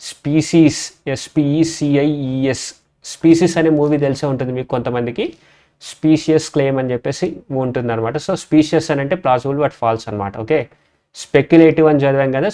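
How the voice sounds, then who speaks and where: A man's voice: medium pitch, mellow, clear, resonant tone. A man teaching English vocabulary in a casual lesson, spelling words out letter by letter and saying "okay" again and again. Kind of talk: casual lesson explaining word roots.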